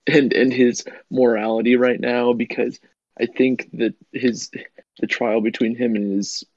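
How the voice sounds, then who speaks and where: A man's voice: mid-range voice, little pitch movement, a little slow, a little mellow, no echo, muffled recording. A man in casual chat as a podcast co-host, laid-back and jokey.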